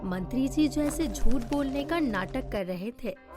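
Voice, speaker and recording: A woman narrates a cartoon moral story in a high, unhurried voice. Her delivery is measured and storytelling, and faint music plays behind her. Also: expressive.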